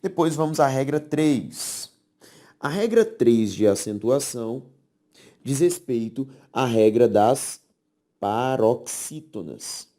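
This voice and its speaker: In a classroom lecture on grammar rules, a man with a Brazilian Portuguese accent speaks in an expressive, dark-toned, mid-range voice. He explains at a slow pace, repeats important words, and checks comprehension often.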